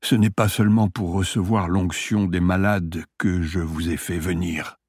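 A man reading aloud, voicing a haunted, dying old man in a hospital bed who speaks in a weak, hushed, breathy way. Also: low-pitched, fairly even intonation, normal speed, dry recording, clean studio sound. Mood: ominous.

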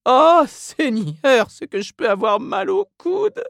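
A man's voice: very high-pitched, sing-song, slow pace, creaky, fairly bright tone, dry recording, clean studio sound, voice pushed up, heavily acted. A man voicing a weary middle-aged mother who complains and gossips in a drawling, plaintive way.

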